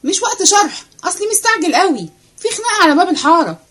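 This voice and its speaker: A woman voicing a restless, cheeky young male servant with an Egyptian accent, chattering fast and excitedly. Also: extremely high pitch, voice pushed up, full character voice. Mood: hurried. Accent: Egyptian Arabic. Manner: excited rapid chatter, running commentary.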